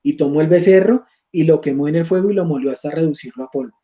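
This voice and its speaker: A man's voice: on the high side, quick pace, dark tone, highs cut off. A man teaching an online Bible study class, reading scripture aloud and checking in with his listeners.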